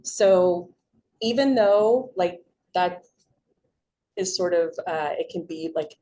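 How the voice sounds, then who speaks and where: A woman's voice: lowish voice, slow, warm tone, a little hiss or hum, poor audio. Chatty middle-aged woman giving a talk. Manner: chatty, upbeat, frequent "right?" check-ins. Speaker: guest speaker on public speaking. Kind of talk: informal community presentation.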